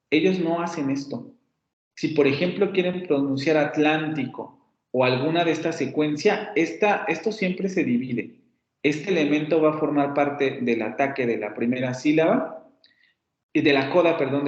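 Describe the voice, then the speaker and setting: Mexican man lecturing in a roomy, dull room. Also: a little high. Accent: Mexican Spanish. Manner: explanatory, repeats example words slowly, self-correcting. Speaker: university phonetics teacher. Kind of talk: classroom lecture. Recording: roomy, dull lo-fi classroom recording.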